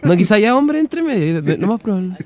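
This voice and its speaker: Chilean male co-host, high register, rowdy slangy storyteller, studio mic. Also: very animated, brisk, darkish tone. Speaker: radio co-host. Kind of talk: casual chat. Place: community radio studio.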